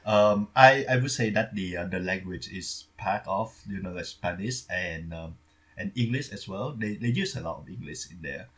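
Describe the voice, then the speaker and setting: Husky low-voiced man, English. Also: a bit bright. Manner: short agreeing replies, halting non-native phrasing. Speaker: podcast co-host. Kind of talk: casual film discussion.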